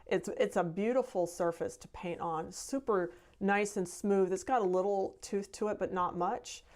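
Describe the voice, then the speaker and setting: During her relaxed painting demo stream, a middle-aged woman painter talks at normal speed in a medium-pitched, darkish voice. She rambles chattily, laughing and using plenty of fillers.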